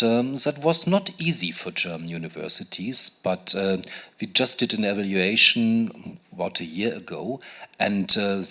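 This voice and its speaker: A man's voice: fairly low pitch, sharp tone. A man in his fifties speaking on a conference panel in a lecture hall, into a table microphone, often checking in with "yeah?". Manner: frequent "yeah?" tag questions, conversational. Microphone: table gooseneck mic.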